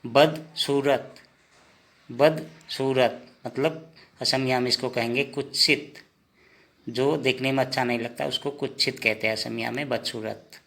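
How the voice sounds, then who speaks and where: A man giving a vocabulary lesson, saying each word slowly and repeating it several times. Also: medium pitch, steady tone, creaky, a bit bright. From India. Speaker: language teacher. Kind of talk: slow spoken vocabulary lesson.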